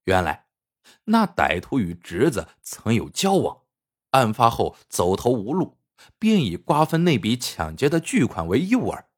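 A man narrating a story in a scripted, measured way. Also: medium pitch. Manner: unhurried, measured.

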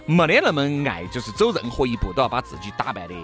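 Animated man with a Sichuanese accent. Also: mid-range voice, fast talker, faint music behind. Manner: animated, acts out imagined worries and quotes. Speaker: talk show co-host. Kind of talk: casual comic banter.

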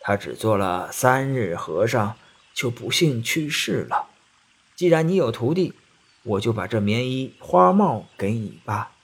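A man voicing a kindly old woman in a children's story, speaking slowly, softly and coaxingly. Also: mid-range voice, sing-song, vocal fry, husky, full character voice. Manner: slow, soft, coaxing.

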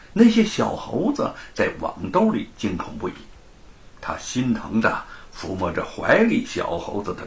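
A man telling a story in a dramatic, expressive way. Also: fairly low pitch. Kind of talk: storytelling narration.

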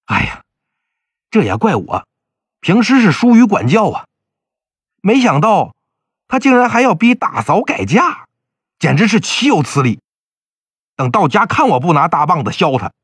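A man's voice: high voice, wildly swooping pitch, normal speed, pauses often, husky, no echo, voice pushed up, heavily acted. A man voicing an earnest, hot-tempered younger brother in a storybook tale. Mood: indignant. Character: loyal younger brother, indignant and warm.

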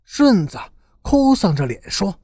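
Husky male audiobook narrator, lively swoopy delivery, dry close mic. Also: high-pitched, measured pace, no room sound. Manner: expressive, lively storyteller. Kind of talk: storytelling narration.

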